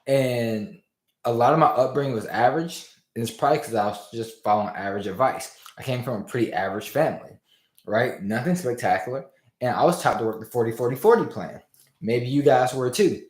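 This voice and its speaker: A male business coach hosts a casual motivational livestream, speaking briskly in a mid-range voice that sounds slightly strained from having lost it. His hype delivery is energetic and informal, calling viewers "y'all" and "fam," and the room gives off a noticeable echo.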